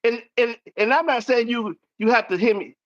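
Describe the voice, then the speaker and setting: This host has a very high, slightly bright voice and talks at a normal pace. Folksy and full of stories, he acts out quotes during a casual chat, all captured on dull lo-fi audio.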